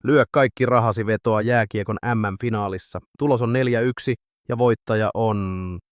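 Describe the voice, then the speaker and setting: A man's voice: fairly low pitch, steady tone, no echo, studio quality, lightly acted. A man voicing a swaggering, boozy middle-aged drunk in an audiobook. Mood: shouting. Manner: cocky, swaggering.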